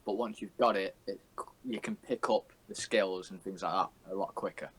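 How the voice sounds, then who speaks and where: A young man talks in a lowish voice, chatting casually on a podcast. He jokes around with his friends, swears easily and goes into long explanations. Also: moderate pace, fairly bright tone, husky, poor audio. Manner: bantering, sweary, explains at length. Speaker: podcast co-host. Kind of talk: casual chat.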